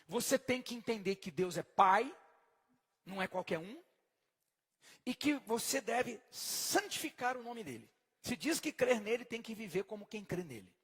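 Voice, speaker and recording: A man preaching a sermon emphatically, swinging from soft to loud and putting questions to his congregation. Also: sits high, very animated, moderate pace, breathy edge. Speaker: pastor. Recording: long hall reverb.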